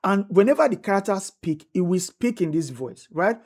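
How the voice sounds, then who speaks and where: In an expressive mid-range voice with a darkish tone and moderate pace, a female instructor guides viewers through a screen-recorded tutorial. She restates every step and regularly checks understanding with "right?"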